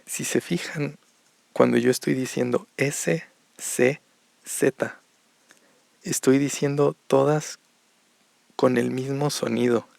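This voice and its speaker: A man from Mexico with a Mexican accent, teaching Spanish to learners on a podcast and explaining things slowly with plenty of examples. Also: medium pitch, flat delivery, gravelly, darkish tone, no room sound. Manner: slow, repetitive explanations with examples.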